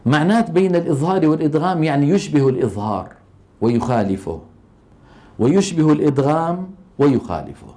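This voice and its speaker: A middle-aged man teaching a lesson on Quran recitation. He asks the class questions, answers them himself and draws out sounds slowly to demonstrate them. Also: a little high, expressive, dark tone.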